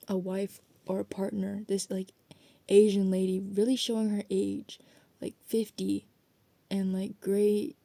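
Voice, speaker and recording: A woman's voice: medium pitch, warm tone, dry recording. A young adult woman rambling casually in a late-night vlog, swearing freely and drifting between thoughts. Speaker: student vlogger.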